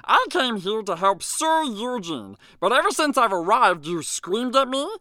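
A woman's voice: fairly high pitch, big pitch swings, measured pace, pushed and bright, dry recording, studio quality, full character voice. A woman voicing a pompous, easily offended male alien prince who speaks formally. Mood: indignant. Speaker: guest on an advice show.

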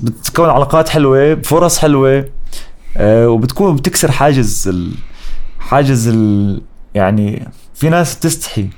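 A man in his thirties with a Jordanian Arabic accent chats casually as a guest on a podcast, where he's introduced as a voice-over artist and content creator. His medium-pitched voice has lively intonation, a moderate pace, and a slightly mellow quality, and he mixes English words into the conversational interview.

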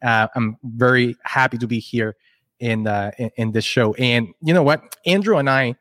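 A man's voice: mid-range voice, moderate pace, a bit bright, no room sound, clean studio sound. Man telling his story. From Chile. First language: Spanish. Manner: earnest, rambling, often restarts words. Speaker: podcast guest, entrepreneur. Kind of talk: casual interview storytelling.

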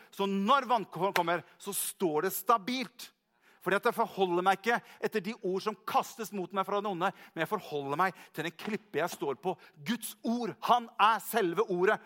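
A male preacher giving a sermon, asking questions and answering them himself, slowing down to read scripture aloud with emphasis. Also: high-pitched, a bit bright.

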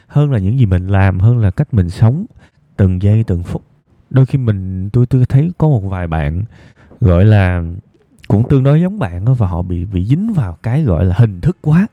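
In a dry, phone-like recording with limited bandwidth, a man with a southern Vietnamese accent leads an evening advice programme. He talks to listeners in a reflective, hushed, leisurely way, keeping his voice deliberately low.

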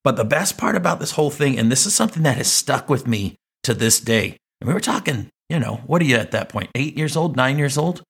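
A man's voice: mid-range voice, lively intonation, a little fast, vocal fry, hardly any pauses, slightly rough. A man in his late forties telling childhood stories as a podcast host, reflective and rambling with asides. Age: 40s. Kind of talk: personal storytelling monologue.

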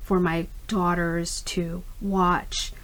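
Over poor audio, a middle-aged woman speaks extremely slowly in a fairly low, fairly bright voice with little pitch movement. Born in Karachi, Pakistan, and raised in the U.S. from age five, this native Urdu speaker and startup founder gives earnest, discursive, conversational interview answers.

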